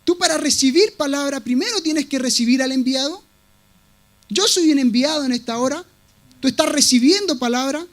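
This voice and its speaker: A man's voice: very high-pitched, normal speed, fairly bright tone. A male pastor preaching a sermon with emphatic delivery, repeating key words for weight. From Latin America.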